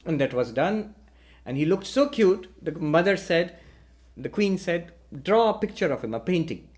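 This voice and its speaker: Man, middle-aged, spiritual storyteller, animated dialogue, fairly high voice. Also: moderate pace. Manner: lively storyteller, acts out dialogue with rising pitch. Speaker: monk giving a talk.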